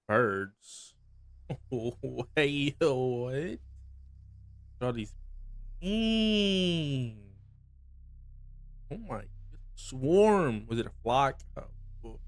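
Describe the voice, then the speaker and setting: A man's voice: medium pitch, no room sound. Man reacting to a horror game. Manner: startled exclamations, reactive, chuckling. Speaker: gamer. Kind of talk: let's play commentary.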